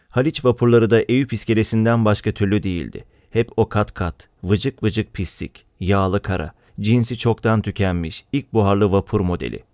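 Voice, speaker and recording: A male audiobook narrator with a lowish voice, reading a novel in a steady, measured way. The recording is close-miked and dry, with no room sound. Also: dry recording.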